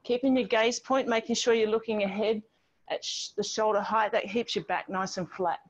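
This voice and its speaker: A middle-aged woman with a mid-pitched voice instructs a workout class over a video call. She cues each move step by step and encourages as she goes. The sound is slightly dull and lo-fi, picked up by a device mic at a distance outdoors. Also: fairly even intonation, moderate pace. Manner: encouraging step-by-step cueing while exercising. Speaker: fitness instructor leading an online group class. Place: outdoor home patio with garden wall. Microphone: distant device microphone on a video call. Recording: dull, band-limited video call audio.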